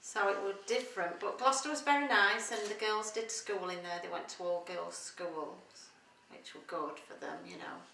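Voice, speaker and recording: Her mid-range voice is gravelly, bright and forceful, with a steady tone at normal speed: a middle-aged woman from Doncaster, Yorkshire, speaking with a local accent in a casual interview. She often searches for words, and the sound is roomy and distant with faint noise.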